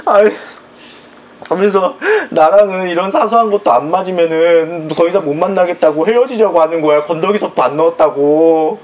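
A high-pitched man in his thirties pours out an aggrieved, rambling complaint in a comedy sketch. The recording is slightly dull and lo-fi, with a faint hiss underneath. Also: normal speed, darkish tone. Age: 30s. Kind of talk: comedic sketch, whiny storytelling.

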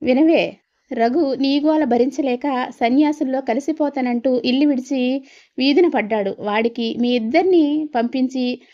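A woman's voice: high-pitched, unhurried, highs cut off. Woman reading as a stern older husband. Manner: firm, scolding. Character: stern older husband, fed-up head of house.

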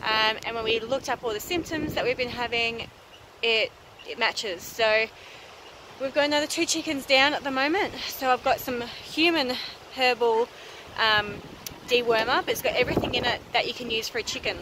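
A woman's voice: a little high, moderate pace. Chatty woman vlogging from a noisy car. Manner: chatty, filler-heavy, frustrated. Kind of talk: casual vlog to camera. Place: car, then outdoors on a rural property. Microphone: handheld camera at arm's length. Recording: noisy car and outdoor background.

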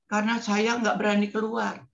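A woman in her eighties telling lively stories with laughter as a guest on a talk show. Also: medium pitch, moderate pace, vocal fry, dull audio. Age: 80s. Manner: lively, laughing, mimics singing scales. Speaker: guest entertainer. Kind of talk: casual talk show storytelling.

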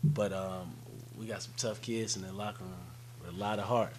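A man's voice: on the low side, level tone, normal speed, a little mellow, a little hiss or hum, rough recording. A young man, a college basketball player, answering press conference questions hesitantly with many fillers into a desk microphone. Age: young adult. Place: press conference room, seated at table. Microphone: desk microphone on stand.

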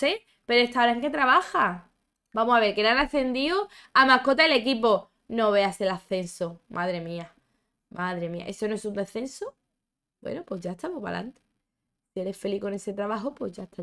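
A woman's voice: mid-range voice, a little fast, a bit bright. A young woman giving chatty, exclamatory commentary as she plays a life-sim game, talking to her characters and her viewers. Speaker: gaming YouTuber. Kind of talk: casual gameplay commentary.

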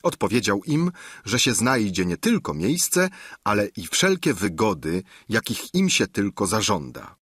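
Audiobook narrator: man, husky and lively, in a dry booth. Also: lowish voice, measured pace, dry recording.

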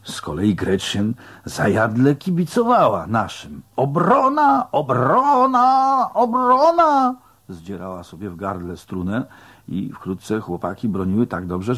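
A man's voice: low voice, lively intonation, a little slow, a little mellow, slightly rough. A man narrating a first-person audiobook in a plain-spoken, colloquial way.

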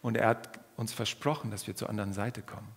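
Husky-voiced man preaching in a reverberant church. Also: fast talker. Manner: lively, dramatic, acts out quoted voices with pitch jumps. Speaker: guest preacher. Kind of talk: sermon. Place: church hall.

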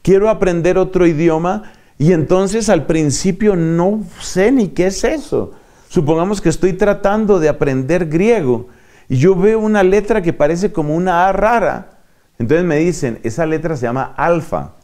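Lively, dark-voiced man preaching. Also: high voice, moderate pace. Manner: didactic, acts out little dialogues and asks rhetorical questions. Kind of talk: teaching sermon.

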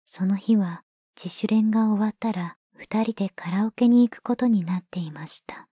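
Whispered role-play: actress as a young woman recounting her school days, breathy, mellow and dry. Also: medium pitch, normal speed, dry recording, natural voice. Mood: hushed.

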